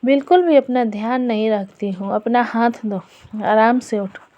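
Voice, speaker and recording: A woman's voice: on the high side, measured pace, dark tone, lo-fi sound, lightly acted. A woman storyteller voicing a patient, caring husband who speaks in a soothing, fussing way. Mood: concerned.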